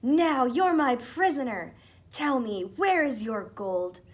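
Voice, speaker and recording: A woman's voice: high voice, animated, slow, pitched above the performer's own voice. A woman voicing a cocky, clever young man in a storybook, with a bold, confident manner. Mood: fierce.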